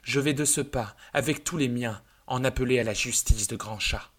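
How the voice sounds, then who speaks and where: A man's voice: medium pitch, normal speed, husky, natural voice. A man reading out the speech of a dignified male cat who vows revenge, in a solemn, declamatory way.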